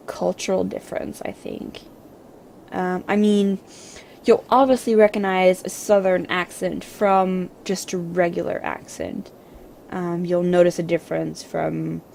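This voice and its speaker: A woman's voice: fairly low pitch, a little mellow, a little hiss or hum. A French Canadian woman, a native French speaker, chatting casually on a livestream and rambling with lots of fillers and restarts. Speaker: streamer. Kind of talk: casual livestream chat with viewers.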